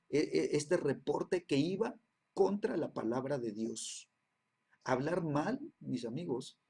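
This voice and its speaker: A man's voice: mid-range voice, warm tone, breathy edge. A man teaching a Bible class, repeating phrases and checking in with his listeners after nearly every line. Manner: constant "¿sí?" and "¿verdad?" check-ins, repeats phrases.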